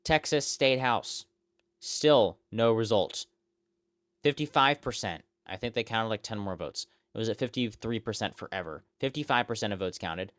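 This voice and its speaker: An American man with a clean, smooth voice hosts a live election results stream. He speaks off the cuff, reeling off numbers and places and often repeating himself. The sound is dry and close, with little room to it. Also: on the low side, a bit bright, dry recording. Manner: halting, often repeats himself, reels off figures and place names.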